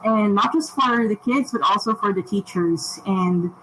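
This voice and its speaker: A woman's voice: mid-range voice, a little slow, noisy background. A woman guest, a teacher, speaking with enthusiasm on a live-streamed interview over a video call. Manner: enthusiastic, animated.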